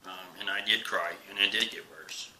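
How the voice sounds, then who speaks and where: A man in his forties speaking to a camera in a personal vlog, halting with many pauses and fillers, sometimes dropping to a soft whisper. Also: sits low, fairly even intonation, background noise. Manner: drops to a soft whisper at times. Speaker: vlogger. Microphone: camera he faces while recording.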